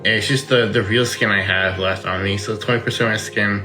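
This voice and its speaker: A man's voice: on the low side, steady tone, brisk, sharp tone, faint music behind. A man talking casually and explaining as an interviewee, his words slightly blunted by lips that do not fully move, as if numb. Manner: slightly impeded lip articulation, as if numb-lipped. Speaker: interviewee, transplant patient.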